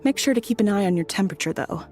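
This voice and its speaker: A woman playing a calm, courteous and reassuring doctor in a video game. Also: mid-range voice, very fast, soft background music, close to an everyday voice.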